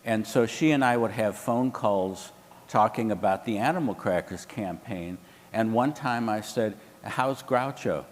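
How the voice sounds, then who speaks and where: A man's voice: lowish voice, a little slow, long reverb tail. A man telling an anecdote as a panelist at a live event, acting out the people he quotes. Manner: animated, quotes others in lively voices. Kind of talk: anecdotal storytelling. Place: hotel event room.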